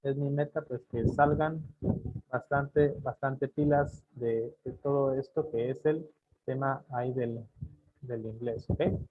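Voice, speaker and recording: A man in his thirties from Guatemala, an English teacher giving a bilingual beginner lesson and repeating phrases slowly for his students. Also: medium pitch, steady tone, breathy edge. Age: 30s. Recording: tinny phone-like audio.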